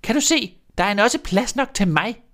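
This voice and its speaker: A cruel old witch, put on by a male storyteller, speaks in a raised, pinched pitch well above an ordinary man's voice. She is impatient and sly, snapping and coaxing by turns, as in a read-aloud storybook. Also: lively intonation, fairly bright tone. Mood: sly, scornful. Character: cruel old female witch, child-eating.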